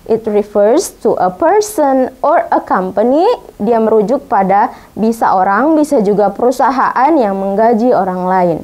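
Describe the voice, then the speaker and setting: A woman's voice: a little high, expressive, unhurried, darkish tone. A woman teacher with an Indonesian accent, giving a bilingual English vocabulary lesson and drilling pronunciation carefully, repeating each word.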